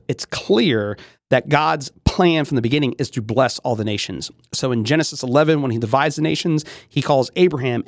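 A man's voice: medium pitch, no echo, studio quality. A man hosting a podcast, talking through theology in a casual monologue with frequent fillers and restarts. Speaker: podcast host.

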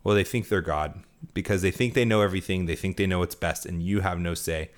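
A tired man hosts his own podcast in an easy, conversational way. He swings between low, loose asides and pointed, insistent rhetorical questions. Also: brisk. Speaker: podcast host. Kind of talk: casual political commentary.

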